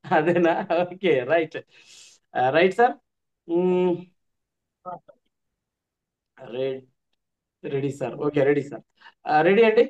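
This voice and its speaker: A man's voice: fairly high pitch, slow, pauses often, a little mellow, lo-fi sound. A man teaching an online workshop, repeating his points with emphasis. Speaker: trainer.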